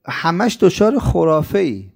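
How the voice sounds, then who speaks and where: A man giving a sermon-style talk in an animated way, asking rhetorical questions and running through long lists. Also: fairly high pitch, creaky.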